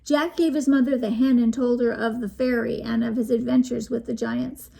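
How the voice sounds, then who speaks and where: Female storyteller, high voice with vocal fry, lively read-aloud for children. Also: normal speed. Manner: lively, inviting the listeners to join in.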